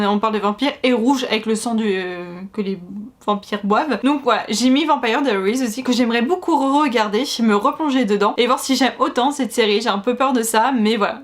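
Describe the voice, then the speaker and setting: A young woman chatting casually to camera at home, rambling a little and restarting her sentences as she talks through her plans. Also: fairly high pitch. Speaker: book vlogger. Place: room at home with books behind her. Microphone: camera in front, computer to the side.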